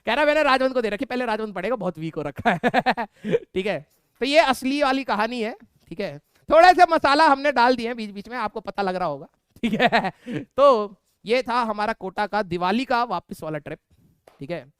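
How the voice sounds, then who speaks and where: A man's voice: very high-pitched, animated, normal speed, fairly bright tone, clear, resonant tone, no echo. Young male teacher, casual storyteller, frequent "theek hai" tag, clean resonant voice, dry close recording. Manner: chatty, keeps tagging lines with "theek hai"; laughs at his own story. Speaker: physics teacher. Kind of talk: casual anecdote told to a class.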